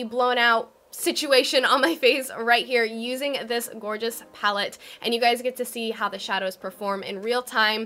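Bubbly, bright stuffy-voiced young woman. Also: fairly high pitch. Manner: bubbly, excited, chatty. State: stuffy from a cold. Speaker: beauty vlogger. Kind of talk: casual makeup review chat.

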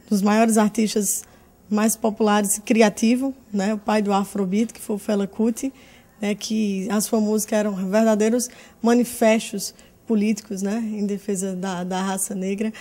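A woman's voice: mid-range voice, dark tone. A young woman interviewing a guest indoors, asking polite questions and often adding tag questions, speaking into a handheld mic. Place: living room, indoors.

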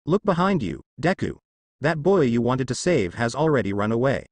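A man puts on a hot-headed bully boy in a narrated fan story. The boy yells and mocks, full of contempt. The delivery swings widely in pitch, and the sound is dry and close to the mic. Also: very animated, moderate pace, no echo. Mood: mocking. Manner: yelling, mocking. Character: angry spiky-haired bully boy, mocking and aggressive.

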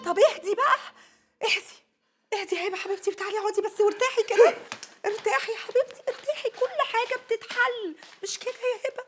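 A woman's voice: high-pitched, expressive, fast talker. An affectionate Egyptian mother. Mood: soothing. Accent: Egyptian Arabic. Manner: affectionate, calls everyone darling. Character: tender, reasoning middle-aged mother, soothing. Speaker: mother and neighbor. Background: music.

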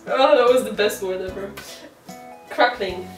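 A woman's voice: medium pitch, a little slow, reverberant, recorded from a distance, faint music behind, low-quality recording. A woman who speaks Polish natively hosts a casual vlog, teaching Polish words to a friend with patient coaching and lots of giggling. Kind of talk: casual language-exchange chat.

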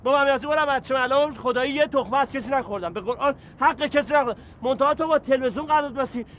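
An excitable police captain, high voice. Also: male voice, a little hiss or hum. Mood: coaxing. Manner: coaxing, flares into shouting. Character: earnest, excitable police detective talking a man down. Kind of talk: TV series acting. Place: outdoors on a rooftop in a city.

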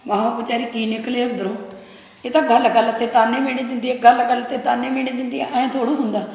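An indignant young daughter, played by a woman makes sarcastic jabs in a high Punjabi-accented voice. The room is echoey with a long reverb. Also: fairly even intonation, quick pace, vocal fry, darkish tone. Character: indignant young daughter taking her mother's side.

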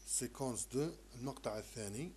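A man teaching a primary-school French lesson, slowly sounding out syllables and repeating them. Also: medium pitch, lively intonation, warm tone, slight background noise. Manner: slow, repetitive, sounds out syllables.

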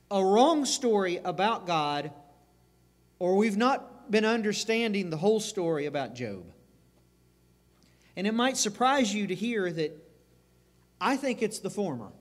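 A man's voice: high-pitched, animated, slow pace, pauses often. A man preaching a sermon as pastor, earnest and emphatic, circling back over phrases. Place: church sanctuary. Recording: reverberant church sanctuary.

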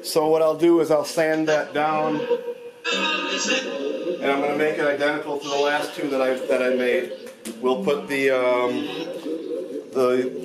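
A man's voice: on the high side, poor audio. A man hosting a spirit box session in a casual, rambling, conversational way, often putting questions out. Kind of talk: casual monologue to camera. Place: indoor room with guitars and amp.

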